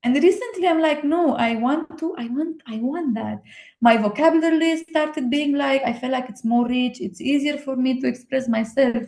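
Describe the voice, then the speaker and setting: A young woman from Romania speaking English with a Romanian accent, chatting as a guest in a hesitant, excited way with many fillers. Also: sits high, moderate pace. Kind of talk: casual conversation. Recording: echoey room.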